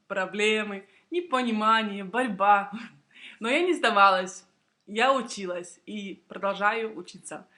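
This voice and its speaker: A young woman who speaks Russian natively, a teacher of the language and a video blogger, tells a prepared personal story to the camera for learners. Her mid-range voice is deliberate, clearly phrased and expressive.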